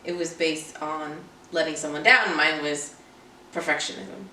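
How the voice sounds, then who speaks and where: A woman with a creaky voice, co-hosting a casual and personal conversation. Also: deep voice, fairly even intonation, unhurried, pushed and bright. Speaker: podcast co-host posing questions. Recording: echoey room, distant mic, faint noise.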